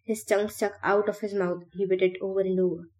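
A woman reading a novel aloud for a podcast in a steady, measured way. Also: medium pitch. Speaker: podcast reader.

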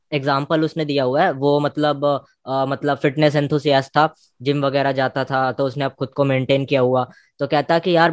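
A man hosting a podcast in a casual discussion, agreeable and quick to affirm. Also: mid-range voice, no room sound, studio quality. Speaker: podcast host.

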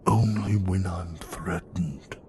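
A man voicing Laren, a stern, bossy man who speaks slowly and gloomily. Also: low voice, fairly even intonation, a little mellow, a little hiss or hum. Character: stern gruff man, booming, bossy, unafraid.

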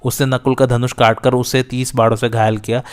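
A male narrator reading an epic battle tale in a steady, measured way. His pitch sits in a middle range and barely moves. The voice is smooth and resonant. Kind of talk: scripted epic storytelling narration.

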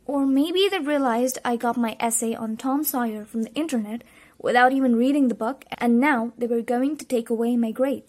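A woman narrating a storybook in the first person, lively and expressive. Her voice sits somewhat high, and she shifts into the characters as she reads. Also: moderate pace. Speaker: audiobook reader.

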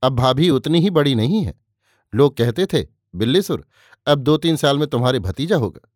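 A man reading aloud, voicing a patient young village man who speaks gently and reassuringly. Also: medium pitch, animated, normal speed, dry recording, studio quality, natural voice.

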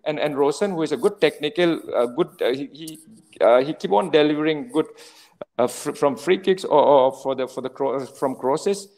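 A man's voice: on the high side, moderate pace, darkish tone, low-quality recording. A man with an Indian accent giving informal football analysis, emphatic and often repeating words and phrases. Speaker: football pundit.

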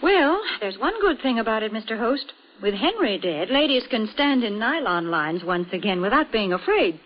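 Woman announcer for a vintage radio spot, high and animated, with a muffled old broadcast sound. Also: moderate pace, slight background noise. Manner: bright, persuasive sales pitch. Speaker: commercial announcer. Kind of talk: 1940s radio commercial reading. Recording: dull lo-fi 1940s radio recording.

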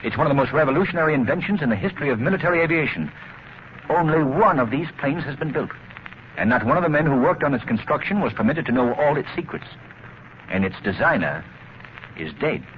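An actor playing a keen, assured gentleman sleuth, crisp and earnest, in an old radio drama. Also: on the high side, expressive, quick pace, lightly acted. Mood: grave, urgent. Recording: muffled, noisy vintage radio recording.

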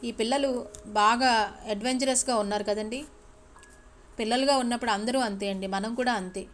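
A woman's voice: a little high, steady tone, moderate pace, faint music behind. A woman storyteller narrating a tale expressively and addressing her listeners politely.

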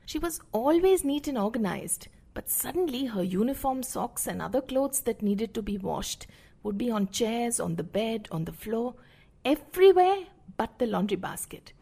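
Lively, gravelly woman giving parenting advice. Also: a little high. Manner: measured, explanatory, addresses the listener directly. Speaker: parenting podcast host. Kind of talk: scripted advice narration.

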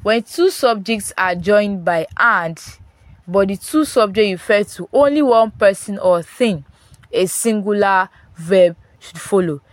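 A woman explains grammar rules in a phone voice note, checking in again and again with her listeners. Her voice sits at an ordinary middle pitch and climbs sharply on stressed contrasts. The recording is dry and close, with no room sound. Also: animated, a little slow, dry recording. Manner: repeats points, checks in with "Do you understand?". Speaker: teacher.

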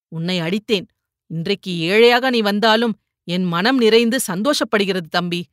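A woman voicing a frail old uncle who is gentle and forgiving, in an audiobook reading. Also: mid-range voice, no room sound, clean studio sound, lightly acted. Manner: gentle, consoling.

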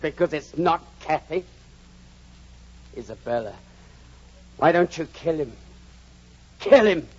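A man's voice: fairly high pitch, unhurried, long pauses, husky. An actor playing a bitter, drunken young man consumed by hate, brooding and venomous in 1940s radio acting, on a dull old radio broadcast. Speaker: Hindley.

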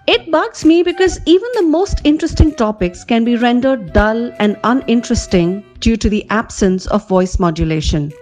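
A woman, a communication trainer giving a scripted talk with clear, deliberate emphasis. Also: fairly high pitch, a little mellow.

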